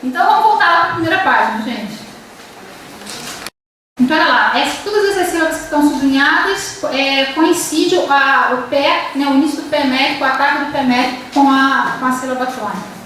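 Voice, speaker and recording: A woman's voice: high voice, a little fast, a bit bright, far from the mic, a little hiss or hum. Brazilian woman lecturing in an echoey classroom. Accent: Brazilian Portuguese. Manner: explanatory, many fillers and restarts, reads verse aloud. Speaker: literature professor. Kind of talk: university lecture.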